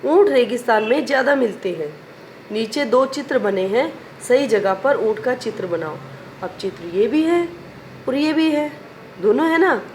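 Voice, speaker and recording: A woman's voice: on the high side, lively intonation, moderate pace, darkish tone, a little hiss or hum. A woman teacher reciting a children's poem in a sing-song way, asking questions and answering them herself. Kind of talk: primary school lesson recitation.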